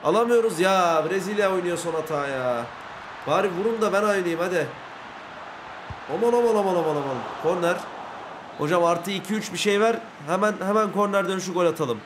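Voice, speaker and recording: An excitable young man from Turkey commentates a football video game live, his voice sitting high for a man. He keeps swinging from low groans to shouts as the plays unfold. A faint hum of ambience hangs behind him. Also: brisk. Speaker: gaming YouTuber.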